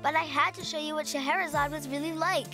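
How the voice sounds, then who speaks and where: Cartoon tween witch, voiced by a woman: eager, gushing, high-pitched. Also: fast talker, over music, close to an everyday voice. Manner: excited, gushing. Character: eager cheerful twelve-year-old girl witch.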